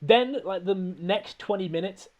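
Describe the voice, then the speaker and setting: A man's voice: high-pitched, a little slow, darkish tone. A man hosting a podcast, rambling and laughing as he recaps a film in casual comedic chat. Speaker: podcast host.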